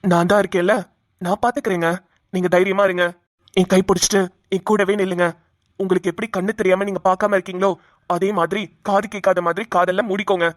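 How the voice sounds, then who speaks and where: A woman's voice: medium pitch, level tone, fast talker, no echo, close to an everyday voice. A woman voicing an earnest young husband in a cartoon, who reassures his bride and defies his father. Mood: reassuring. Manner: reassuring, then defiant. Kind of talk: cartoon voice acting.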